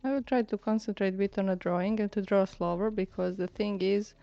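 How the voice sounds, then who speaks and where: A Serbian-accented woman chats as a guest, her English a little non-native in phrasing. Her voice is smooth and clear, set dry and close. The call audio is slightly dull and muffled. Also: mid-range voice, steady tone, a little fast, no echo. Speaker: guest artist. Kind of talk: casual chat.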